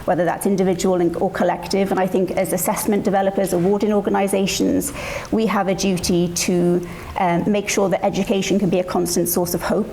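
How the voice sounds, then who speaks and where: A woman giving a conference presentation in an earnest, deliberate way, stressing and restating her points. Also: mid-range voice, level tone, dark tone, a little hiss or hum. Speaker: panel speaker on assessment.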